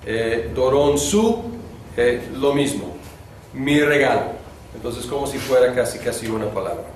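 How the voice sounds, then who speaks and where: A man teaching a beginners' Greek lesson in class, talking slowly and thinking aloud with many fillers. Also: mid-range voice, slight background noise. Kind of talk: classroom lecture. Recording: echoey classroom from a distant mic.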